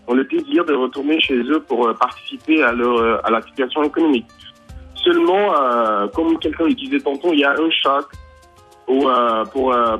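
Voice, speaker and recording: A man from Senegal with a slight Brazilian accent, calling into a radio show over a lagging long-distance phone line and speaking hesitantly with many pauses and fillers. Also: medium pitch, slightly rough. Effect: delayed long-distance phone line. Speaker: caller.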